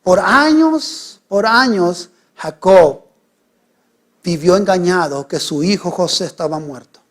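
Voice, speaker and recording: A middle-aged male pastor, preaching a sermon. He swings from hushed, quiet lines to sudden loud, raised ones. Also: high voice, lively intonation, slow.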